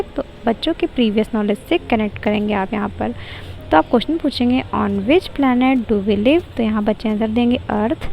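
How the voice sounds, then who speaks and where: A woman explaining a lesson plan in a tutorial voice-over, reading phrases slowly and deliberately. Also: sits high, muffled recording, slight background noise. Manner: slow, deliberate reading of English phrases mixed with Hindi.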